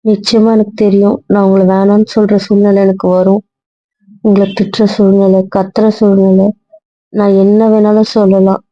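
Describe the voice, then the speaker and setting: A woman's voice: mid-range voice, level tone, moderate pace, mellow, no room sound, natural voice. Young woman as guilt-ridden, pleading wife, dry, muffled lo-fi audio-drama role-play. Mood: fearful. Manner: pleading, repeating apologies. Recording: dull lo-fi recording, dry.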